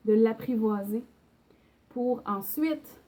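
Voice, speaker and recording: This young online singing teacher, who has a Québécois French accent, takes things slowly, explaining patiently with fillers and demonstrating through short sung bits. Her pitch is fairly high and her tone dark.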